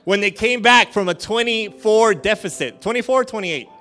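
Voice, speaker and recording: Bright-voiced joking male pastor. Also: sits high, normal speed, soft background music. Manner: animated, joking, conversational. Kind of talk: sermon.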